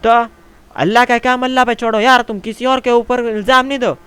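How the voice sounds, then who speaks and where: A man's voice: extremely high pitch, level tone, brisk, pushed and bright, clean tone, pitched above the performer's own voice. A man voicing a quarrelsome male Pathan tent builder in a game role-play, arguing in Pashto-accented Urdu with broken grammar. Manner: argumentative, grumbling, broken grammar, keeps saying "maada".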